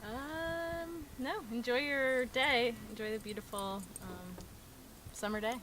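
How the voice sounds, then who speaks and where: A woman in her thirties co-hosting a casual chat show, chatty and quick to laugh along. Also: a little high. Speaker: co-host. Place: outdoor backyard. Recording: outdoor mic with background noise.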